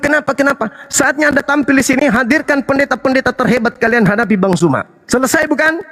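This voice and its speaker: Combative high-voiced Indonesian man. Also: fairly bright tone. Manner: combative, challenging, rhetorical. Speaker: religious debate host and apologist. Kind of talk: heated live debate monologue.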